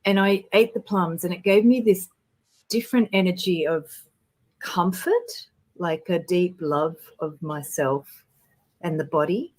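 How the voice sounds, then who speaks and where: A woman's voice: fairly low pitch, animated, unhurried, darkish tone. A woman guest on a spiritual livestream, talking earnestly and telling stories with animation. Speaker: guest intuitive. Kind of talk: casual spiritual chat.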